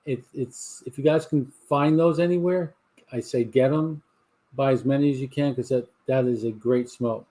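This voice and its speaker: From his home garage, a Southern-drawling host in his sixties runs a casual livestream cigar talk show for a live audience. He spins long, meandering stories, stumbling and restarting frequently. His medium-pitched voice has a dark tone and moves at a normal speed.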